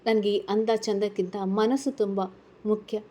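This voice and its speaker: A woman's voice: medium pitch, fairly even intonation, a little slow, warm tone, close to an everyday voice. A woman voicing a tearful, guilt-ridden college girl. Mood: earnest. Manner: anxious, questioning, tearful. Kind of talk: storybook character reading.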